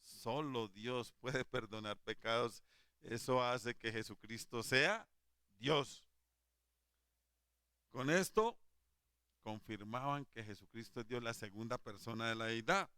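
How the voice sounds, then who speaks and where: A man preaching a Sunday sermon, fervent and emphatic at times, dropping to a soft, tender voice when quoting Jesus. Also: mid-range voice, fairly even intonation, a little slow, clean tone, no echo, clean studio sound. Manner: fervent, rising to emphatic exhortations. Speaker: lay preacher.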